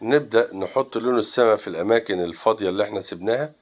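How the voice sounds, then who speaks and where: A man with a fairly low voice and an Egyptian Arabic accent walks viewers through painting a landscape. He speaks calmly and breaks off with short fillers while he mixes colors. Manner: thinks aloud while mixing paint, with pauses and fillers. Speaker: painting teacher. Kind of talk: relaxed step-by-step painting tutorial.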